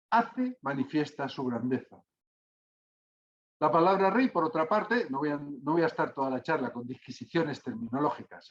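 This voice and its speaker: Measured male lecturer. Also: fairly high pitch, muffled recording, slight background noise. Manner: measured, deliberate, with hesitant "eh" fillers. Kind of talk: academic lecture, reading aloud. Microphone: computer mic, reading from screen.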